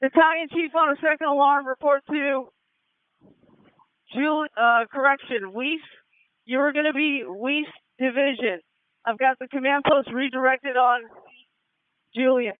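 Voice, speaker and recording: High-pitched man barking orders over radio. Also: steady tone, no room sound. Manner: brisk, clipped orders. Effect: two-way radio transmission. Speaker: fire incident commander. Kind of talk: fireground radio traffic. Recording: tinny dry radio channel.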